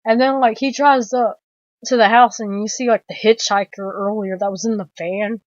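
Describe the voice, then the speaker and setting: A woman's voice: mid-range voice, fairly even intonation, moderate pace, no room sound, lo-fi sound. A woman casually retelling a horror movie's plot in a rambling way, full of "like", restarts and the odd swear word. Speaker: film reviewer.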